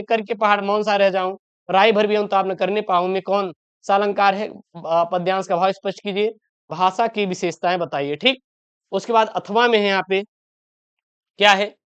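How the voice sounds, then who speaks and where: A male teacher with a Hindi-speaking north Indian accent guides students through exam answers in a steady, reassuring way. His voice is smooth and clear, and it comes through a slightly dull, lo-fi recording. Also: high-pitched. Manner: addresses students as beta, reassuring. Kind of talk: exam-prep lesson. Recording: dull lo-fi sound.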